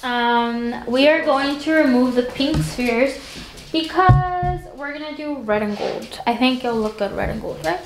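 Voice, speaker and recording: A woman's voice: sits high, a little slow, very noisy. A young woman in her twenties chatting casually to camera in a home vlog, upbeat and full of fillers. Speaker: vlogger. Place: home living room and bedroom. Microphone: camera on tripod.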